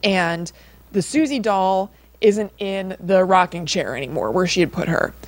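Her voice sits on the lower side, expressive and unhurried. She co-hosts a podcast and shares a story casually, sprinkling in plenty of "like" and "kind of" along the way.

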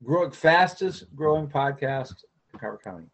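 On a podcast, a male co-host runs through local sports news, scores, and schedules in a casual way. His voice is fairly high and expressive, moving at normal speed, and the recording has a dull, lo-fi sound.

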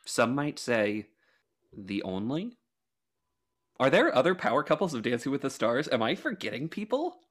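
A man's voice: medium pitch, very animated, normal speed, a bit bright. A man co-hosting a podcast, joking in a mock-formal, self-mocking way and laughing often. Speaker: podcast co-host. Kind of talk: casual comedic chat.

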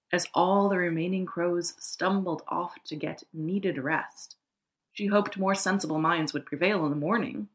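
A woman reads a fable aloud in calm, measured storybook narration. Her voice sits a little low. She is the co-host of a podcast.

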